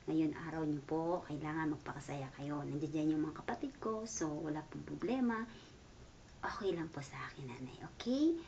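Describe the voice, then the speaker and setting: A young Filipino woman in her twenties with a Filipino accent, sending a playful, affectionate birthday video message to her mother while away from home and often dropping to a soft whisper. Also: sits low. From Philippines. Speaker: daughter working away from home. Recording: dull lo-fi recording with faint noise.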